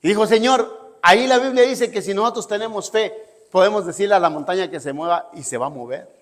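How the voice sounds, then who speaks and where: A man's voice: high-pitched, fast. A man preaching a sermon in an emphatic style, often checking in with the congregation. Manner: emphatic, asks listeners "¿sí?" often. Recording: long hall reverb.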